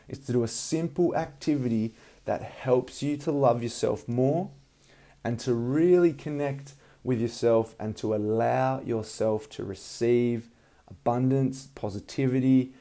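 A man with a mellow, relaxed voice and a gravelly edge speaks as a motivational coach. He is earnest and deliberate, repeating phrases for emphasis as if leading listeners through self-improvement and meditation. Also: medium pitch. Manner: earnest, emphatic repetition, unhurried guiding. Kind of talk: motivational talk with guided breathing meditation.

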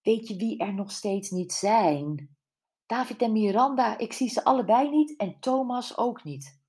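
Woman reader as earnest, jumpy woman detective friend, pitched up, breathy storybook voice. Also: unhurried. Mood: eager. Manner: eager, excitable, earnest. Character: eager young woman friend playing detective.

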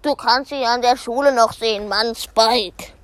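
A grumbling schoolkid, voiced by a woman in a homemade audio drama, complaining about school and rushing a friend along. The voice is a little high and slow. It is heard close and dry. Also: a bit bright, dry recording. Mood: grumpy. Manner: grumbling, impatient. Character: grumpy, bored schoolkid. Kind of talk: amateur fan audio drama.

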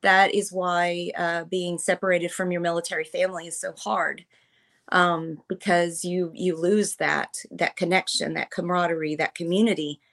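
A woman in her fifties, a military veteran guest on a podcast, telling personal stories in an earnest, emotional, halting way. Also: on the low side, little pitch movement, fairly bright tone. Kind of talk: personal storytelling in conversation.

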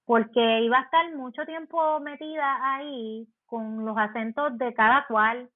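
A Puerto Rican actress chatting as a podcast guest, explaining in an animated way with many fillers. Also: female voice, fairly high pitch, measured pace, no room sound. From Puerto Rico. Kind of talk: podcast interview chat. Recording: dry tinny phone-like sound.

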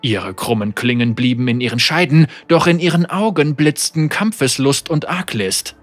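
A man narrates a dark fantasy tale in a slow, measured audiobook style. His voice sits at a middle pitch, with dry, close sound and faint music underneath. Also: animated, no room sound.

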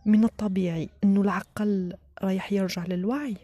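A woman with an Algerian accent leads a guided relaxation in a soft, often whispered voice, giving short instructions with pauses between them. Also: medium pitch, steady tone, no echo. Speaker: guided meditation leader.

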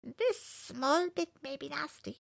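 A woman voicing a scraggy little male bird who speaks in broken, jumbled grammar, slow and coaxing. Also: high-pitched, lively intonation, creaky, no echo, clean studio sound, pitched above the performer's own voice, heavily acted.

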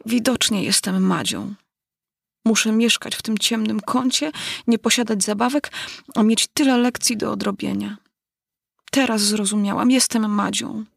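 A woman's voice: medium pitch, unhurried, gravelly, slightly rough, no room sound, studio quality, pitched above the performer's own voice, exaggerated voice. A woman reading aloud, voicing a curious, fretful little girl who wonders aloud with dramatic sighs. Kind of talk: storybook reading.

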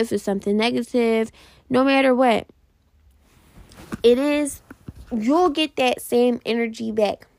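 Young woman podcast host: fast, passionate, repeats herself, some vocal fry, dry close sound. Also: fairly high pitch, dry recording. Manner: fast, repetitive, passionate, slangy. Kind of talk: casual motivational podcast.

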